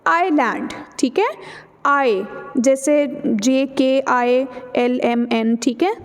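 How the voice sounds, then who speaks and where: A high-voiced woman teaches English pronunciation, mixing Urdu explanations with careful English examples. She talks slowly and deliberately, stretching out each model word, and the recording carries a long reverb tail. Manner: explains in Urdu mixed with English, repeats "theek hai" often; slows down sharply on English model words. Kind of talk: online pronunciation lesson.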